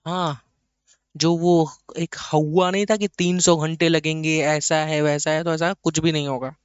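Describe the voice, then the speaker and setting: A man's voice: fairly high pitch, steady tone, unhurried, smooth, no echo, highs cut off. A man teaching an accounting lecture in a chatty way, talking to students as kids and acting out their questions himself. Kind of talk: online lecture.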